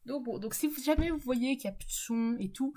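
A woman's voice: sits high, fairly quick, mellow. Chatty, laughing woman streamer. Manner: chatty, laughs often, talks to chat. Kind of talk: casual live-stream chat while gaming.

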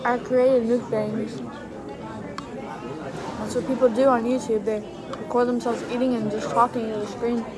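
A woman talks while chewing, keeping her chat bubbly and teasing as she eats on camera. Her voice sits a little high. The phone mic picks up a loud crowd all around her in a busy restaurant. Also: little pitch movement, normal speed, pauses often, poor audio. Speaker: vlogger. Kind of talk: casual eating vlog chat. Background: loud crowd chatter.

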